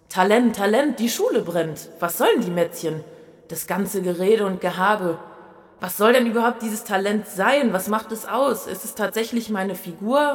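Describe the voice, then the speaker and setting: Reflective woman reading a story. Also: mid-range voice. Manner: reflective, inward, brooding. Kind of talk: first-person story reading.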